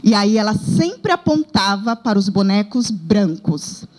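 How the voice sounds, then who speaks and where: A woman's voice: mid-range voice, big pitch swings, unhurried, a little mellow, low-quality recording. A woman with a Brazilian Portuguese accent, a daycare director, earnestly recounting a classroom experience during a training session. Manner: earnest storytelling, reenacting dialogue.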